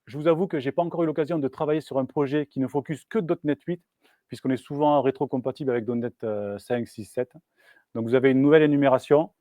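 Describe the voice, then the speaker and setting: A man giving a live software talk at a meetup, casual and hesitant, with many fillers and restarts. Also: mid-range voice, quick pace, no echo. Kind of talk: live technical presentation. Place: meetup room.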